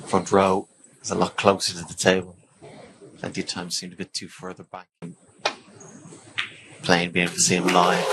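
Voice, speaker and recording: A man giving hushed snooker commentary in short, measured, understated remarks. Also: deep voice. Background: faint noise and snooker ball clicks.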